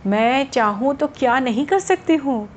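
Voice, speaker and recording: A woman's voice: sits high, lively intonation, unhurried. A woman voicing the wind as an arrogant, boastful female spirit who taunts and mocks in a storybook tale. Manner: mocking, taunting, cackling.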